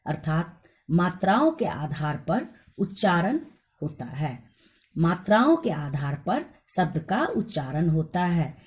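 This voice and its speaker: A woman's voice: on the low side, very animated, takes it slowly, a little mellow. A woman teacher giving a Hindi grammar lesson, spelling out each letter and vowel sign one by one.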